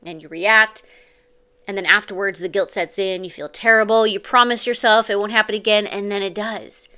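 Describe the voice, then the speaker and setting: A woman coaching parents in an earnest, confiding way, speaking at a middle pitch for a woman. She sounds like a mother talking straight to other parents, and she keeps checking in with the listener as she goes. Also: steady tone, normal speed, bright, forceful tone, smooth. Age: adult mother. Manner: earnest, confiding, uses "like" and "okay?". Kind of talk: direct-to-camera advice talk.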